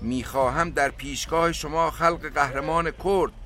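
A sneering, arrogant rebel colonel barks orders and mocks his captives, played by a man. The voice sits high, with a bright, cutting edge. It suits a radio drama. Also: fairly even intonation. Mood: scornful. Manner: sneering, scornful.

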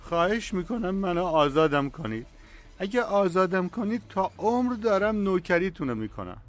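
A woman's voice: lowish voice, big pitch swings. A woman voicing a fat, cowardly male prisoner who begs for his life. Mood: begging. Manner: begging, groveling.

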